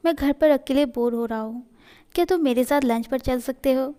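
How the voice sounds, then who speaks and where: A man's voice: very high-pitched, moderate pace, warm tone, clear, resonant tone. A woman doing a sulky, jealous young man. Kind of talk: storytelling in a fan fiction reading.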